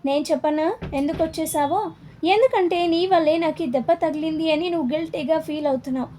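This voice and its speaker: A woman's voice: very high-pitched, a little fast, dark tone, a little hiss or hum. A woman voicing a stubborn young husband in a storybook reading, with an emphatic, insistent delivery.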